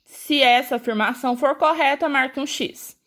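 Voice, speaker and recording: A woman's voice: high-pitched, normal speed, fairly bright tone. A woman teacher with a Brazilian accent, patiently taking young pupils through a school worksheet step by step and talking to them directly. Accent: Brazilian Portuguese. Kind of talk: explaining a school worksheet to children.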